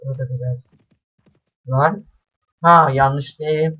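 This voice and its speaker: A man doing casual let's-play commentary, chatty and excitable, swearing often and talking straight to his viewers. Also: mid-range voice, slow, lo-fi sound. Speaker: gameplay commentator. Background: faint game music.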